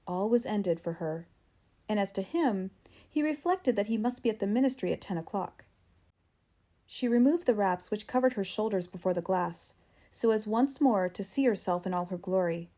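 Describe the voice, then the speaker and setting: Woman, standard American accent, mellow relaxed tone, medium pitch, audiobook narration, measured expressive storytelling. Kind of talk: scripted literary narration, audiobook.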